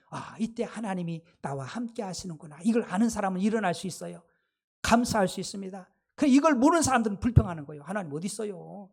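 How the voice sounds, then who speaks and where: 주일 예배에서 설교하는 목사의 목소리. 높지도 낮지도 않은 음성으로 회중에게 계속 질문을 던지며 강조하듯 설교한다. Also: medium pitch. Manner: emphatic preaching, rhetorical questions to the congregation, exclamations. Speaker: pastor. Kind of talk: sermon.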